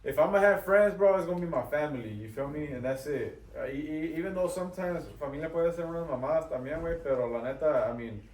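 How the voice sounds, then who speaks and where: A man, co-hosting a podcast in relaxed, slangy talk that mixes English and Spanish. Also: on the high side, fast talker, hardly any pauses, a little hiss or hum. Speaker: podcast co-host. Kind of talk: casual chat. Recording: echoey room, distant mic.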